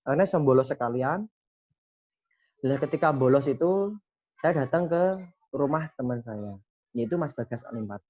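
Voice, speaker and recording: A man's voice: mid-range voice, expressive, moderate pace, pauses often, darkish tone, muffled recording. A young man earnestly telling a personal story, often quoting the people he met and ending lines with a short tag. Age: young adult. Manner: earnest, quoting dialogue with frequent "gitu".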